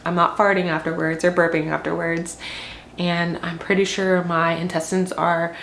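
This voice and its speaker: A woman's voice: lowish voice, level tone, normal speed, fairly bright tone, a little hiss or hum. A young woman giving a casual pregnancy update, rambling and chatty with many fillers and a little short of breath. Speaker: vlogger. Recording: echoey room with faint ambience.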